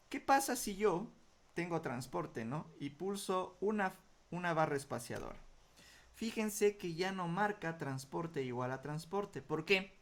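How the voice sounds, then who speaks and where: A man teaching a software tutorial, explaining each step patiently and often checking in with short questions before answering his own. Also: fairly high pitch. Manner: asks rhetorical questions then answers them. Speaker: computer skills instructor. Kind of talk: screen-recorded software tutorial.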